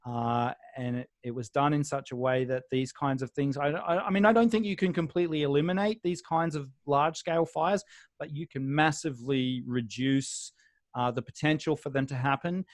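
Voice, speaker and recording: An Australian man, a guest on a video call interview, talking in a relaxed, rambling way with many pauses and restarts. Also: on the high side, dry recording.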